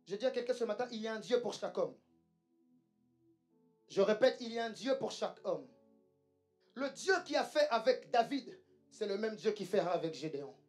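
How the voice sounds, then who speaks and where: A woman's voice: medium pitch, lively intonation, moderate pace, long pauses, a little mellow, faint music behind. A woman preaching a sermon with emphasis, repeating lines and calling the congregation to say them back. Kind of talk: church sermon.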